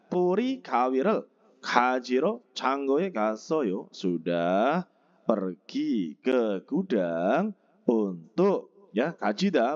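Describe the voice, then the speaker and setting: Man, vocabulary lesson, unhurried, dull lo-fi recording. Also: mid-range voice, darkish tone. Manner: slow, explanatory, repeats words and pronunciations. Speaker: Korean language teacher.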